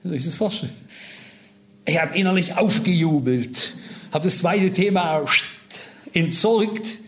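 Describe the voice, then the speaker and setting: A middle-aged man preaching a sermon, telling a personal story with animated swings between loud pleading and low, quiet asides. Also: measured pace.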